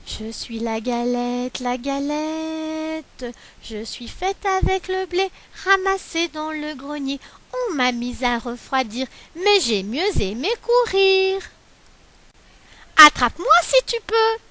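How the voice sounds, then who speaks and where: A woman's voice: very high voice, very animated, moderate pace, few pauses, pushed and bright, pitched above the performer's own voice, full character voice. A woman voicing a small, boastful runaway pancake in a sing-song, teasing tone. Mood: cheeky.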